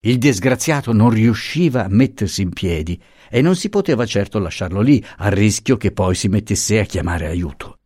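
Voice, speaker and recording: Male audiobook narrator, low and lively in pitch, dry close-up sound. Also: moderate pace, few pauses, dry recording. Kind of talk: scripted narration of a novel.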